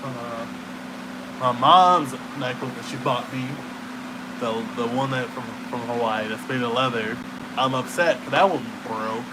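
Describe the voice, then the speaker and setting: A man's voice: mid-range voice, measured pace. A young man rambling in a casual, laid-back stoner way, with slangy, profane talk that trails off and circles back. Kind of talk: casual late-night chat, rambling. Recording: clearly noisy room hum.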